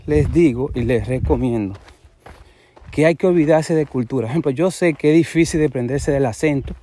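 A Dominican man with a soft Cibao accent talks off the cuff about faith, drifting from point to point and often restarting his sentences. His voice sits a little high for a man yet sounds mellow and dark in tone, with a faint hiss of noise behind it. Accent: Dominican, Cibao region. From Dominican Republic. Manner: rambling, jumps between points, frequent restarts. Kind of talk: unscripted religious commentary to camera.

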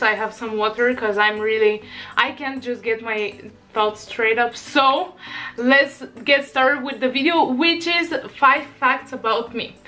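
High-ish, bright and forceful, this teenage girl's voice carries a Bulgarian accent as she vlogs casually from her small bedroom to a camera in front. She's from Bulgaria and sounds bubbly and giggly, using plenty of fillers.

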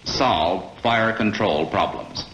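A man giving formal, measured narration for a 1950s training film. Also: fairly low pitch, fairly bright tone. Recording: dull lo-fi 1950s film audio with faint hiss.

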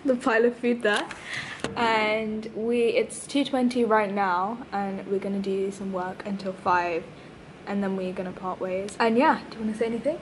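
A woman's voice: medium pitch, fairly even intonation, normal speed, slight background noise. A young woman, a university student, narrating her week in a casual vlog, chatty and full of fillers. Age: young adult.

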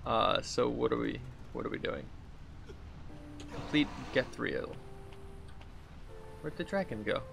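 Here a thirty-something man streams a game with playful, offhand narration and overblown read-outs, quick to lose patience as game music plays. He speaks on the higher side, with a creaky texture.

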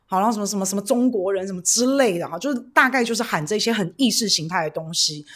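A woman's voice: mid-range voice, lively intonation, quick pace, a bit bright. Chatty Taiwanese livestream host woman. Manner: chatty, greets viewers by name, reads donations; rambling, frequent fillers and tag questions. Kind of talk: casual political livestream chat.

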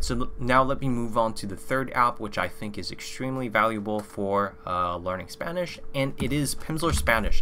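This casual to-camera review comes from a young French-native YouTuber who makes language-learning content, recorded on a desk mic in a small indoor room with a faint hum underneath. His talk is loose and rambling, heavy on "like" and "you know," and his voice, though a bit low, is bright and forward.

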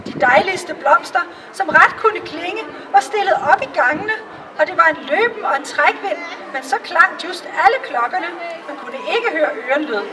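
A woman reading a fairy tale aloud in a calm storytelling manner. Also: very high-pitched, far from the mic, a crowd in the background, background noise. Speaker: reader.

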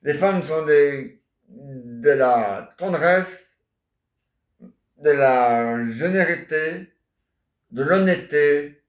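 Slow rambling man in an echoey room. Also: fairly high pitch. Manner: chatty, answers imagined listeners, constant "hein?" and "ah ouais". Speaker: amateur solo stage performer. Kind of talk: rambling improvised comic monologue.

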